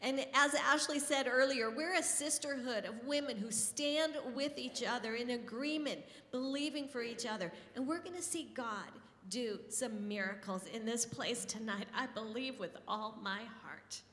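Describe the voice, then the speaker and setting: A woman with a fairly high voice preaches fervently as the host of a women's gathering, repeating her affirmations for emphasis. The sound is roomy, with a long reverb that lingers in the hall. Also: normal speed, few pauses, fairly bright tone, a little hiss or hum.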